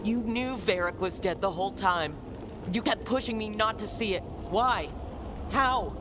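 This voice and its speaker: A young game hero with a high male voice speaks earnestly, sounding stung, hurt and accusing. The delivery is blunt, emotional cutscene drama, a little slow, with an ambient rumble clearly audible behind it.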